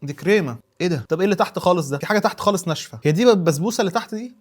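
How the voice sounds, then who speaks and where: Rapid-fire Egyptian man reviewing food. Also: high voice, expressive. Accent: Egyptian Arabic. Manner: chatty, exclaiming, thinking aloud while tasting. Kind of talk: casual food review vlog.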